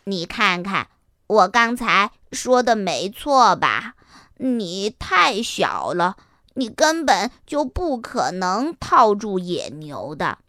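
A woman's voice: mid-range voice, big pitch swings, slow pace, sharp tone, no echo, studio quality, voice pushed down, full character voice. A woman voicing a sensible little earthworm who sighs and doubts, speaking wearily. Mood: skeptical. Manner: sighing, weary and skeptical.

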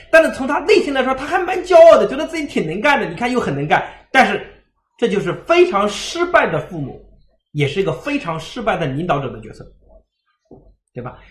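A man giving a livestream parenting lecture, telling stories in a lively way and acting out the dialogue. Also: sits high, roomy sound. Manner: lively storytelling, acts out dialogue.

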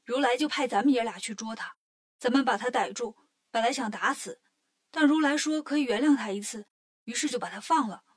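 Woman voicing an earnest young boy, storybook, explaining, high-pitched. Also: fairly quick, lightly acted.

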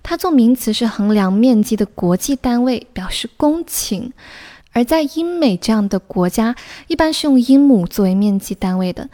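A woman's voice: on the high side, expressive, moderate pace, dark tone. A young woman teaching English vocabulary, patiently explaining and spelling out words letter by letter.

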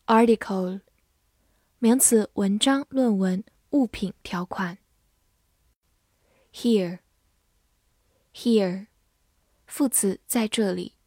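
A woman teaching English vocabulary, saying each word twice and then calmly reading out its meanings and example sentences. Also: medium pitch, no room sound, studio quality. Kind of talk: slow vocabulary drill and translation lesson.

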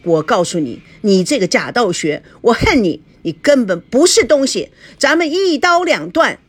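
A woman voicing a furious, betrayed young wife who talks in a shrill, cutting, accusing way, reading a storybook. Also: very animated, normal speed, slightly rough, exaggerated voice.

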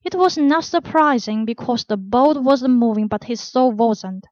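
A woman hosting a storytelling podcast, reading a scripted story in a plain, unhurried way with small grammar slips. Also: on the high side, a little mellow, dry recording. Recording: dull, dry lo-fi recording.

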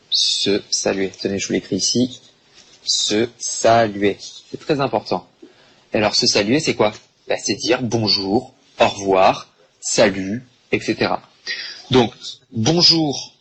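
A man teaching a French lesson to Chinese speakers, patient and repetitive, slowing down to stress words. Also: on the low side, fairly bright tone, breathy edge. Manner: patient, repetitive, slow and emphatic.

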